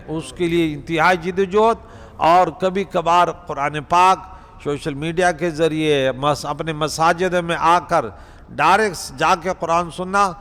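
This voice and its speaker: A man's voice: a little high, fairly bright tone. A male preacher giving a conversational Quran lesson in a mosque, speaking directly to the congregation. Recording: reverberant prayer hall.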